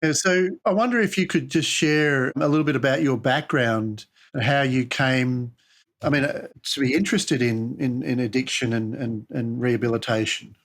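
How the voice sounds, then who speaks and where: A man's voice: medium pitch, normal speed, a bit bright. A man hosting an interview podcast, speaking casually with frequent restarts and fillers. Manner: hesitant, many restarts and fillers. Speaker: podcast host. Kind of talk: conversational interview.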